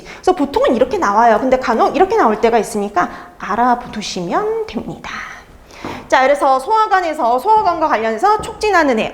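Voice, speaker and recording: A middle-aged woman giving an exam-prep lecture. She asks her students questions, answers them herself, and repeats the key terms. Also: high-pitched.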